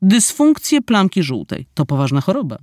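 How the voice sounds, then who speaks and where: A man's voice: high-pitched, wildly swooping pitch, normal speed, a little mellow, no echo, clean studio sound, voice pushed up. A man voicing a young male cook who teases with mock indignation, in an audiobook. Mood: teasing.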